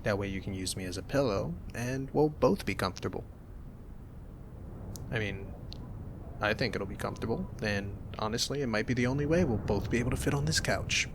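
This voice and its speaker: Soft and gentle, a young man with a somewhat low voice teases playfully in a close, whispery ASMR roleplay. He moves along briskly, and a steady background hiss underlies the recording.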